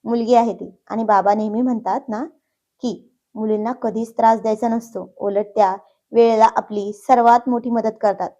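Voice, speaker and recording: A good-natured young man who talks gently and reasonably, as a woman reading the story puts him on. The voice is mellow, and the recording sounds muffled. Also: fairly high pitch, steady tone, normal speed. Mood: gentle.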